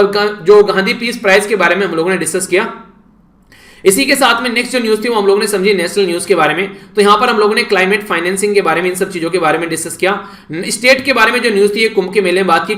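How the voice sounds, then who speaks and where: A man's voice: high-pitched, fairly bright tone, roomy sound. A man with an Indian accent teaching current affairs in a casual, chatty lecture and talking straight to his students. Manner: chatty, addresses students directly with "yaar". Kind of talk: casual Hindi lecture recap.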